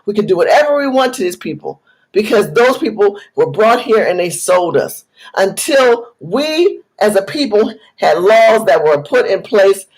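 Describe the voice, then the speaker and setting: A woman from the United States speaks straight to her audience in a fervent, lecturing commentary, repeating phrases for weight. Her voice has a husky, slightly rough edge, and she sits at a middling pitch for a woman. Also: very animated, moderate pace, a little mellow, poor audio. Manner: emphatic, repetitive, lecturing the viewer. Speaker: political commentator vlogger. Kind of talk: impassioned direct-to-camera commentary.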